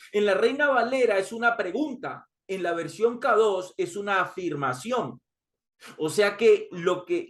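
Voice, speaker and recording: High-voiced man preaching a sermon. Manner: reads scripture aloud and repeats key lines for emphasis; addresses listeners as brothers.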